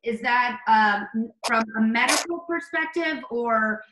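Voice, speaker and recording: A woman hosts a talk show, speaking slowly as she interviews a guest with effusive exclamations and big leaps in pitch. The room is echoey, with background noise.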